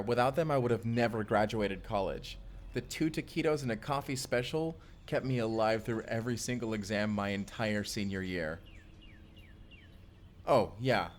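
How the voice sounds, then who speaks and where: In this romantic audio roleplay, a man with a natural, mid-range voice performs as a tender, boyish husband visiting from the future, addressing the listener. The scene is intimate and rambling, his manner bashful, playful, and affectionate.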